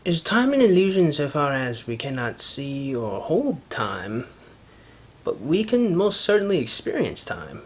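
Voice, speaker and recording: A man's voice: on the high side, sing-song, measured pace, slightly rough. A man hosting a casual video response, talking through a clip in a conversational, lecturing way and often saying "my friend". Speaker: commentary video host.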